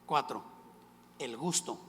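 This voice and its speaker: A man's voice: mid-range voice, expressive, slow pace, fairly bright tone, a little hiss or hum. A man preaching a sermon as pastor, engaging the congregation with frequent questions. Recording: long hall reverb.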